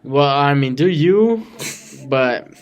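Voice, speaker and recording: A man's voice: on the high side, expressive, slow, lo-fi sound. A man co-hosting a podcast as a real estate agent, talking bluntly and swearing casually. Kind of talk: casual chat.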